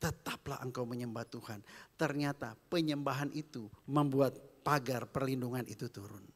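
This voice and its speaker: A man preaching a sermon, swinging between hushed whispers and loud, emphatic calls. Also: medium pitch, normal speed. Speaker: pastor. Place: church hall. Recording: long reverb of a church hall with faint music.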